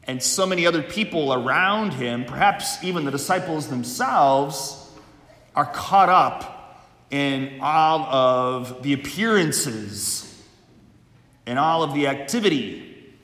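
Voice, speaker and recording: Slow-speaking male preacher in cathedral echo. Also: on the high side, lively intonation, fairly bright tone. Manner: measured, deliberate phrasing with pauses. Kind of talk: liturgical Gospel reading and homily. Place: large reverberant church interior. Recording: echoey church with long cathedral-like reverb.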